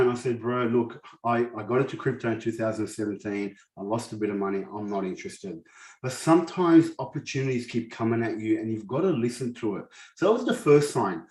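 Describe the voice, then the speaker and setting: Grown up in a war-torn country and raised in Australia, this man in his forties speaks English as a second language, with a lisp. At a summit he delivers a heartfelt motivational talk, restarting frequently in a mid-range, slightly mellow voice. The sound is roomy and the audio poor.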